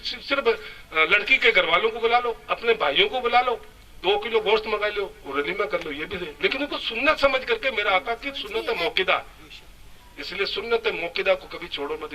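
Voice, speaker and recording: High bright-voiced preacher, distant mic. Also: male voice. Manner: emphatic, rising and falling delivery. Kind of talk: Urdu-Hindi sermon.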